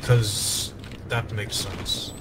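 A man's voice: fairly low pitch, fairly even intonation, extremely slow, over loud music. An American man chatting casually with his squad while playing, often trailing off and joking about his bad luck. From United States. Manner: rambling, self-mocking, trailing off mid-sentence. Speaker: gameplay commentator.

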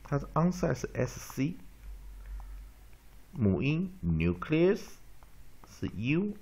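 A man teaching an English pronunciation lesson. He repeats words slowly for drilling and mixes English terms into his Chinese. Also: on the high side, sing-song, warm tone, breathy edge. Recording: dull lo-fi recording.

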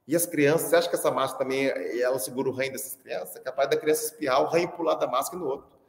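A man with a Brazilian accent doing a comic monologue as a teacher, animated and repeating lines for effect. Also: medium pitch, very fast, gravelly. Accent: Brazilian Portuguese. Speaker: comedian playing a teacher. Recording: echoey hall with long reverb.

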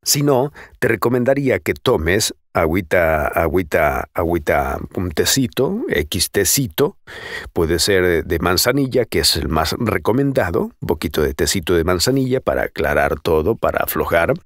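Congested from a cold, a podcasting voice coach speaks in a low, lively voice at a moderate pace, animatedly showing how to breathe and avoid nasality and demonstrating sounds. The recording is clean, echo-free studio sound from a close mic.

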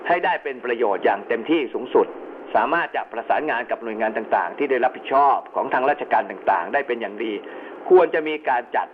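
A man giving an explanatory lecture as an instructor, going step by step with informal asides. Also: medium pitch. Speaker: instructor in amateur radio emergency communications. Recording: narrow phone-like band with clear background noise.

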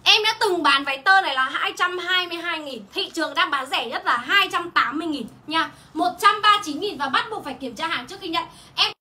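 A young woman hawks clothes on a livestream, talking quickly with a high, bright voice. She chatters on and exclaims often. Faint room ambience sits behind her. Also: lively intonation. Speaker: online clothing seller. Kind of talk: livestream sales pitch. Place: indoor home shop.

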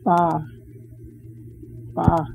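A woman with a husky, creaky voice, slowly repeating words for a language lesson. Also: fairly low pitch, monotone, darkish tone, soft background music. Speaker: language speaker modeling words. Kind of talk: slow repeated word pronunciation. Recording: dull lo-fi recording.

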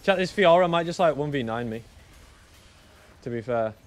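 Excitable high-voiced gaming streamer. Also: male voice, normal speed. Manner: excitable, bursts into shouts and laughs, repeats himself. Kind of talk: live gameplay commentary to chat.

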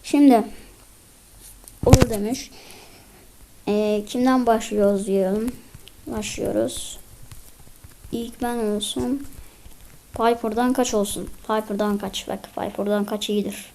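A hoarse woman chatting through a mobile game match, bursting into excited yelling at tense moments. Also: medium pitch, measured pace, pauses often, a little hiss or hum. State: hoarse from illness. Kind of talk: casual gameplay commentary.

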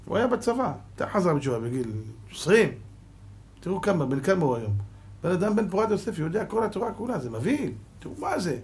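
A man giving a sermon as a rabbi, speaking emphatically with rhetorical questions and sudden hushed drops. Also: high-pitched, big pitch swings. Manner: emphatic, rhetorical questions, dropping to a hush for effect.

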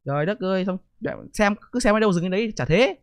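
Fast, blunt, ranting streamer man. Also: high-pitched, expressive, clear, resonant tone, no echo. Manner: blunt, profane, defensive ranting. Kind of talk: live stream reaction commentary.

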